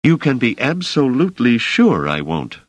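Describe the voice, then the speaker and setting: A man voicing a sharp, protective woman who questions everything. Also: medium pitch, wildly swooping pitch, dry recording, voice pushed up. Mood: skeptical. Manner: skeptical, brisk.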